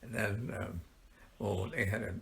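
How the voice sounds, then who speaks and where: An elderly man with a gravelly grandpa voice, telling childhood stories informally in a halting, rambling way with frequent pauses. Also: on the low side, crowd noise. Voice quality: gravelly, creaky. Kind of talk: informal oral storytelling.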